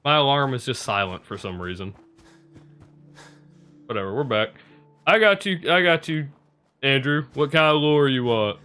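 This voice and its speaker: Young guy streaming and chatting with chat, bright clear voice, swears a lot, rambles. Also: mid-range voice, animated, moderate pace, pauses often. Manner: rambling, profane, laughs often. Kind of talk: casual live-stream chat with viewers.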